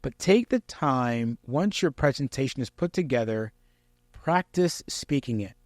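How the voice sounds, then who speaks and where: A man giving instructional tips straight to the listener in a clear, projected presenter's delivery, conversational yet emphatic and encouraging. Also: medium pitch, lively intonation, a little slow, no echo, studio quality. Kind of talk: conversational instructional talk to camera.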